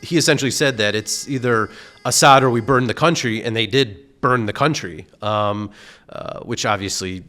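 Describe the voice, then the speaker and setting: A man's voice: medium pitch, normal speed, pushed and bright, faint music behind. A man speaking as an expert guest in a casual interview, explaining patiently with lots of fillers. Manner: explanatory, many fillers like "you know".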